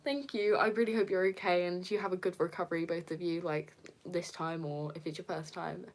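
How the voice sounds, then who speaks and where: A young woman chatting casually on a live stream, soft and hesitant, with many fillers and nervous giggles. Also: lowish voice, fairly even intonation, brisk, slight background noise. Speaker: livestreamer reading viewer comments.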